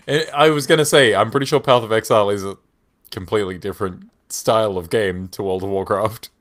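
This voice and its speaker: A man's voice: lowish voice, moderate pace, pauses often. A man with a cold and a whiny voice, co-hosting a casual podcast chat, laid-back and sardonic, swearing often. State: has a cold. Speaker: podcast co-host.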